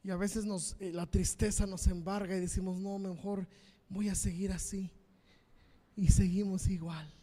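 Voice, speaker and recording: A man with a Mexican Spanish accent preaching a sermon as pastor, fervent and repetitive, swinging between loud and quiet. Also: high-pitched, level tone, moderate pace, big-room sound. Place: church hall.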